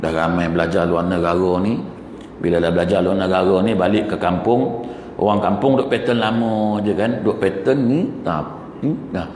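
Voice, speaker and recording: A man with a Malaysian Malay accent preaching a mosque sermon, fervent and pleading, rising to sharp exhortation. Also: low-pitched, moderate pace, a little hiss or hum. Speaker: ustaz. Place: mosque hall. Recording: echoey hall with faint ambience.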